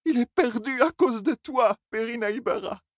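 A man voicing a grieving old grandmother who cries and begs in a shrill, wailing voice. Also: normal speed, dry recording, studio quality. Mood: sobbing. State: crying.

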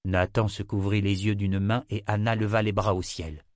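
A man reading a fantasy novel aloud in measured, scripted narration. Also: fairly low pitch, little pitch movement, no echo, studio quality. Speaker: audiobook narrator.

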